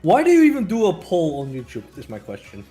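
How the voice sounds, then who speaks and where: A low-pitched woman speaks over a voice call in casual chat, her pitch moving a lot as she jokes. She comes across sardonic, swearing and laughing, with faint music behind. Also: wildly swooping pitch, fast. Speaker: guest on a call.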